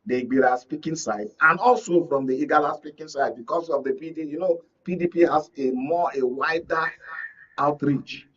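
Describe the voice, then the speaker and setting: The voice is fairly high for a man, a bit bright and slightly rough, at a normal speed. A Nigerian guest working as a media analyst, he argues politics emphatically in a discussion, repeating points and checking that the listener follows. The audio is lo-fi and muffled, recorded on a distant mic.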